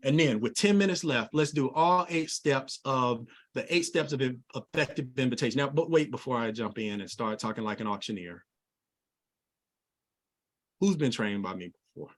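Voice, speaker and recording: A middle-aged man leading an energetic sales training over a video call, animated and folksy, with plenty of casual asides. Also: medium pitch, moderate pace.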